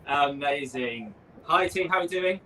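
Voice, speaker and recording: With a bright, pushed voice on the high side, a practitioner guides a warm-up class at a moderate pace, giving upbeat, encouraging exercise instructions live. He's recorded from a distance amid noisy room sound.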